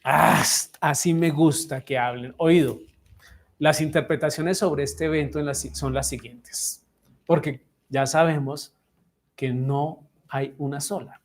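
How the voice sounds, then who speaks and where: A man's voice: a little high, fairly even intonation. A man with a Colombian accent, a messianic pastor teaching a Bible study to a class and asking them frequent questions. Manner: asks the class frequent questions, measured and deliberate. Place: congregation room with listeners.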